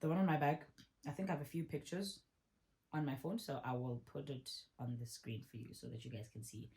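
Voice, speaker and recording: A vlogger in her 30s with a rumbling low voice chats casually while answering viewer questions. She's relaxed and tends to repeat things for emphasis.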